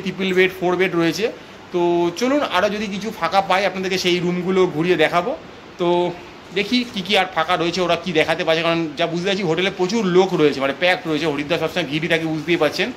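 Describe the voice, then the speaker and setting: Fast-talking man giving a hotel tour. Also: on the high side, a bit bright, a little hiss or hum. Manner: chatty, lists room features, talks straight to viewers. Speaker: travel vlogger. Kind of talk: walking hotel tour, casual chat to viewers. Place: guest house rooms and corridors, indoors.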